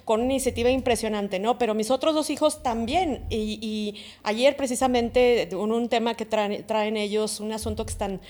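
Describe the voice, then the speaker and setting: A middle-aged woman, a co-host telling family anecdotes in a lively way and laughing at her own jokes. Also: on the high side, normal speed, hardly any pauses. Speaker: co-host, psychotherapist.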